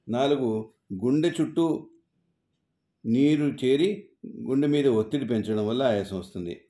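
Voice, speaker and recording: A man, a doctor, reading a medical explainer in a measured, methodical way, listing causes one after another with small hesitations. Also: mid-range voice, mellow. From Andhra Pradesh, India. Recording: roomy echo.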